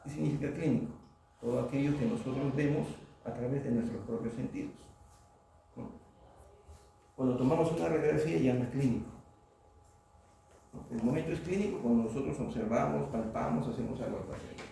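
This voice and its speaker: A man's voice: mid-range voice, a little fast, creaky, long pauses, dark tone. Man lecturing in an echoey hall. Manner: asks the class questions, tag "¿no?". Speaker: oral surgery lecturer. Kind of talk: classroom lecture. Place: lecture room. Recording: very echoey lecture hall from far off, faint noise.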